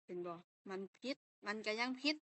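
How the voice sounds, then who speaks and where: Bright-voiced young woman tutoring. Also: normal speed, no room sound. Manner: explains step by step, repeats key terms, corrects herself aloud. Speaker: language tutor. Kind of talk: online tutoring session.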